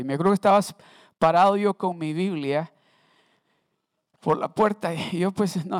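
Guy preaching sunday service, chatty, keeps asking the crowd stuff, kinda high voice. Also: a little mellow, smooth, dry recording, studio quality. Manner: conversational, sprinkles English words, asks the congregation questions. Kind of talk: Sunday sermon. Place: church.

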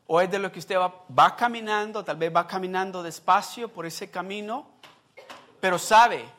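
A man's voice: high-pitched, normal speed, pushed and bright. A man preaching a Sunday sermon in a conversational way, often asking the congregation questions. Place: church service.

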